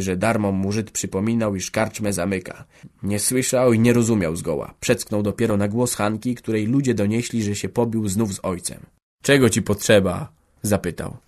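A man reading a classic village novel aloud as an audiobook narrator, dramatic and dropping to a hush in quiet passages. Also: lowish voice. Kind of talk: scripted literary narration.

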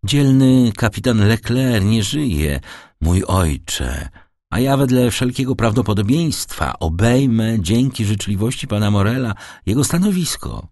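A man's voice: fairly low pitch, sing-song, a little slow, darkish tone, dry recording, studio quality, voice pushed up. A man voicing an eager young sailor son who speaks earnestly and urgently.

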